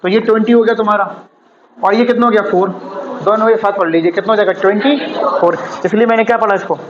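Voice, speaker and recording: A man teaching a basic maths class, explaining slowly and repeating himself, and asking the class questions that he then answers himself. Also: high-pitched, steady tone, noisy background. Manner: slow and repetitive explaining. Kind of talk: classroom lesson. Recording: echoey room, dull sound.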